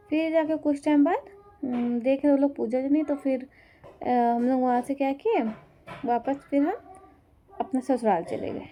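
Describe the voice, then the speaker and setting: A woman's voice: on the high side, dark tone, slight background noise. Chatty young woman telling a story. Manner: chatty, rambling retelling with fillers. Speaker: vlogger. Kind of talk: casual storytelling vlog.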